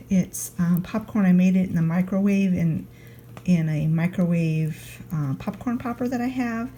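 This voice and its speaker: A congested woman with a fairly low, dark-toned voice narrates her food vlog from a recliner at home, with a little hiss or hum in the audio. Chatty and homey, she talks straight to the camera.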